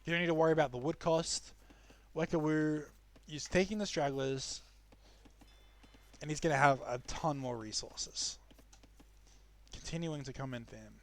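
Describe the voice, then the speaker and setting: A young New man casts a strategy match live, talking in a chatty, loose way. His voice sits a little high for a man, and he often stumbles and restarts mid-sentence. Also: normal speed, pauses often. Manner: chatty, frequent restarts and fillers. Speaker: esports caster. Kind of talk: live game commentary.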